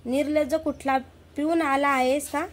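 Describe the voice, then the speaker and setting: A woman's voice: sits high, steady tone, normal speed, a little hiss or hum, natural voice. A woman voicing an angry, strict father who harshly scolds his son in a storybook tale. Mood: furious.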